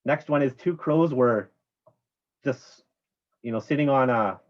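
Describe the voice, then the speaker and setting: A man's voice: medium pitch, measured pace. A man chairing an online meeting, chatty and rambling, correcting himself as he goes. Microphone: video call. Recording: dull lo-fi sound.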